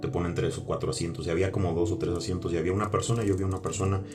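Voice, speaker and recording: Low, flat-voiced man telling a testimony. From Mexico. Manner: halting and repetitive, often asking "¿ok?". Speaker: testimony speaker. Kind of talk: personal religious testimony. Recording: music playing under the voice.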